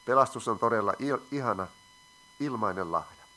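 Bright-voiced male preacher. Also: fairly low pitch, expressive. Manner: asks the audience questions, reads scripture aloud. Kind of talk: sermon.

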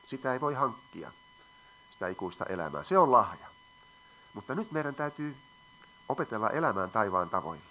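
Male preacher, crisp bright tone, teaching sermon with questions to the room. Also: on the low side, very animated, pauses often, slight background noise. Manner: asks the audience questions, reads scripture aloud.

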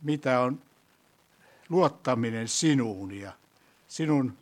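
Male preacher, church sermon, quizzes the congregation, mid-pitched voice, swells to loud emphatic peaks. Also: expressive. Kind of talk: sermon and prayer.

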